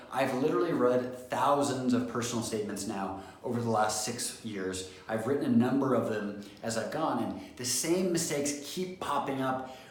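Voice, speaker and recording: A young man gives an upbeat admissions lesson to camera, leaning hard on repeated words for emphasis. His voice sits at an ordinary male pitch. The sound rings around a very echoey, reverberant room. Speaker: admissions coach. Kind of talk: instructional talk to camera.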